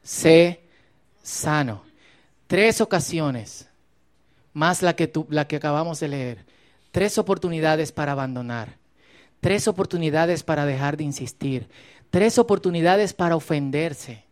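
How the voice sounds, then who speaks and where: Animated preacher. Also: moderate pace. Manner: animated, acts out the Bible scenes with playful humor; moves between loud exclaiming and low, quiet reflection. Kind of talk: sermon.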